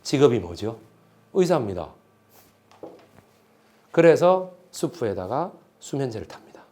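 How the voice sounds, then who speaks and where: Animated man giving a lively history lecture. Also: medium pitch, unhurried. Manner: retells a play with voices, asks the audience questions. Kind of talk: animated lecture with acted-out quotes.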